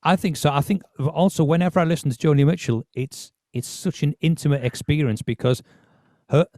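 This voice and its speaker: A man's voice: a little high, brisk, darkish tone, no echo, studio quality. A man hosting a podcast, talking casually about music with many restarts. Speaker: podcast host.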